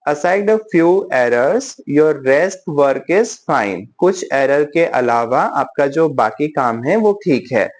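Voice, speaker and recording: A man with an Indian accent giving a casual spoken-English lesson in Hindi. He slows right down to model English sentences and keeps checking in with his learners. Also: on the high side, a little mellow. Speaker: English vocabulary teacher.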